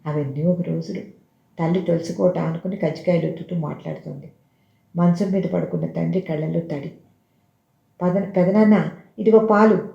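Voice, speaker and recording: A storyteller reading a dramatic story aloud in an expressive, measured way. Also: medium pitch, vocal fry. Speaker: narrator. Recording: roomy dull lo-fi recording.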